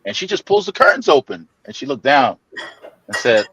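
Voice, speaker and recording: A man telling a long family story in casual chat, laughing often, stammering over restarts and jumping into high voices to mimic people. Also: very animated, moderate pace, fairly bright tone, breathy edge, dry recording, muffled recording.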